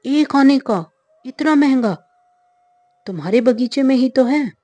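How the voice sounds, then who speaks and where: A woman voicing a stingy, haughty male merchant who talks loudly and indignantly in a told folk tale. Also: medium pitch, unhurried, no room sound, natural voice. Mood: haughty, pleading. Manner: loud, indignant, pleading.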